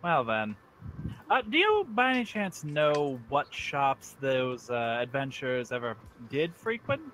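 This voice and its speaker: Man, tabletop player, very slow, animated pitch, dry humor, faint music. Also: a little hiss or hum. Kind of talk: in-character tabletop role-play.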